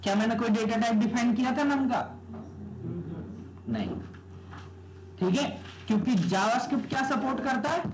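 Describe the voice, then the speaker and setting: A man's voice: very high voice, expressive, unhurried, pauses often. A male programming teacher giving a live classroom lecture, quizzing students with rhetorical questions and often checking "okay?". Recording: echoey room with background noise.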